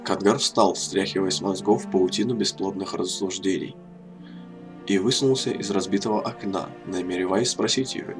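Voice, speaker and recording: Low-voiced guy reading an audiobook, steady and even, soft music behind. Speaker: narrator. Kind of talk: audiobook narration. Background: faint music.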